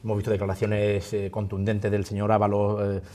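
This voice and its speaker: A man putting political questions as a television interviewer, in halting, measured phrases. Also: on the low side, completely flat delivery, dark tone, slight background noise.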